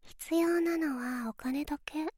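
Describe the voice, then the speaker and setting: A woman's voice: high voice, fairly even intonation, measured pace, a little mellow, no echo, studio quality. A woman voicing a bratty young female streamer who speaks sweetly and politely while mocking and insulting her viewers, in a voice drama role-play.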